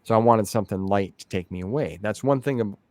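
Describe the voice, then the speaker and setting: Quick and on the low side, this male host's voice sounds a little mellow with no room sound at all. He runs a laid-back interview, rambling informally and sprinkling in slang such as "man" and "dude."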